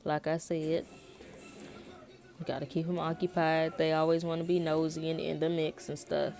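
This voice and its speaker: A young American woman with a voice a little on the low side talks as a vlogger. Her delivery is informal and colloquial. She rambles candidly through a personal story, as if chatting with someone she knows. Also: little pitch movement, normal speed, creaky, darkish tone, faint music behind. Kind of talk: casual personal chat to camera.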